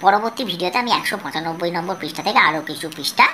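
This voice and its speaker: A woman teaching a children's video lesson, asking and answering questions and reading slowly and carefully. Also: fairly low pitch, sharp tone, a little hiss or hum.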